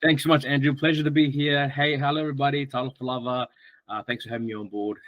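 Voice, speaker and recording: A man from Samoa, a guest on a podcast, chatting in a friendly, relaxed way with lots of fillers and restarts. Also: mid-range voice, quick pace, no echo, highs cut off. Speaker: guest, strength coach. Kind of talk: casual podcast interview.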